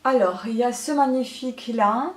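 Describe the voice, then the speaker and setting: A woman talking casually through a makeup haul as a beauty vlogger, chatty and often filling pauses with hesitations. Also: on the high side, a little hiss or hum. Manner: chatty, many hesitant fillers. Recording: echoey room.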